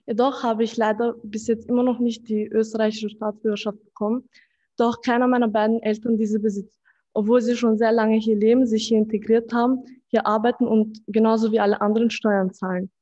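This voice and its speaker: An eighteen-year-old woman from Austria, a student, calmly reading a prepared statement at a press conference podium. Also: a little high, a little fast, muffled recording. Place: conference room with banner. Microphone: podium microphone.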